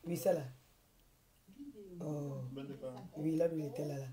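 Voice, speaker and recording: Low-voiced woman livestreaming amid crowd noise. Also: fairly even intonation, measured pace. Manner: repetitive, greets viewers over and over; keeps urging viewers to share. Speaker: live streamer. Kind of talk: casual live stream chat.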